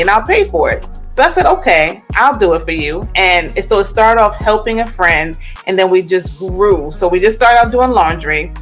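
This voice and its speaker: A woman from Jamaica, a guest in a casual interview, telling her story in an animated way and acting out the voices of the people she quotes. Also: mid-range voice. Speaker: guest entrepreneur.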